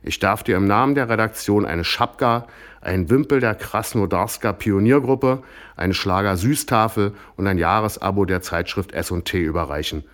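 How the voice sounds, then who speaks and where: A man voicing a brisk military officer with a clipped, ceremonious manner. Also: lowish voice, fairly bright tone, close to an everyday voice. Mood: formal.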